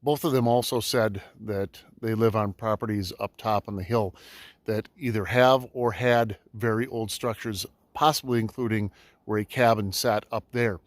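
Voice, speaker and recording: A man's voice: fairly low pitch, fairly even intonation, normal speed, no echo. A man narrating a casual outdoor vlog in snowy woods, easygoing and full of ums and uhs, talking to a camera set up on the trail. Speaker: metal detecting vlogger.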